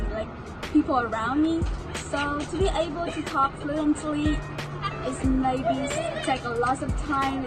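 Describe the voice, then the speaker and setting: A woman's voice: sits high, rough recording. A young woman from Vietnam with a Vietnamese accent, an international student earnestly describing her challenges in careful, non-native phrasing. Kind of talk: scripted personal account. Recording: loud music and crowd chatter behind.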